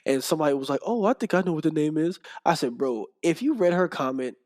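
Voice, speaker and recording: This young podcast guest talks fast with a slightly high voice as he spins stories in casual chat. Animated and quick to laugh, he imitates what people said.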